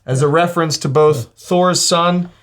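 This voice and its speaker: A man's voice: on the high side, steady tone, normal speed. A man hosting a board game playthrough, upbeat and jokey as he explains the rules. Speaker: game host.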